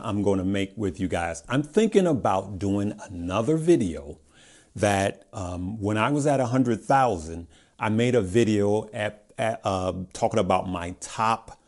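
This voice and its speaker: An American man with a fairly low voice speaks casually to his online audience. His words come out a bit garbled, as he has stitches in his mouth after dental surgery. He stays emphatic and familiar, often repeating a phrase to drive it home. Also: a little mellow. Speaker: investing video host. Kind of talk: casual direct-to-audience vlog talk.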